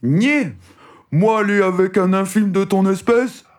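Man doing a proud giant, gruff, scornful, slightly high, storybook. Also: lively intonation, a little slow, a little mellow. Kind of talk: storybook reading.

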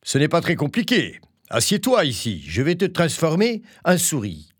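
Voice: medium pitch, wildly swooping pitch, moderate pace, husky, no echo, clean studio sound. A storyteller voicing a bumbling magician baker who chants spells. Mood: calm. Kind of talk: storybook reading.

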